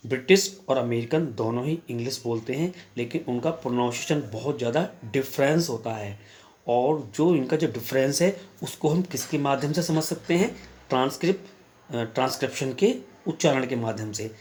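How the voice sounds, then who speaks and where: A man teaching a class in Hindi, reading English examples slowly and answering his own questions as he explains. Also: medium pitch, darkish tone, slight background noise. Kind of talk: classroom lecture.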